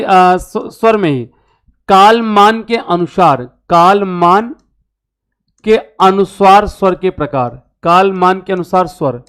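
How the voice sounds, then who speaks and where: Male language tutor, exam-prep lecture, smooth clear voice, asks and answers his own questions. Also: high voice, a bit bright. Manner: repeats key terms for emphasis. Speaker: Hindi teacher.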